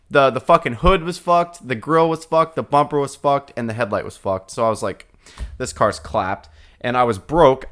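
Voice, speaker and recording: A young man in his twenties on a podcast, casually telling a story with lots of swearing and laughter. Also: mid-range voice. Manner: profane, laughing, animated retelling. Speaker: podcast co-host.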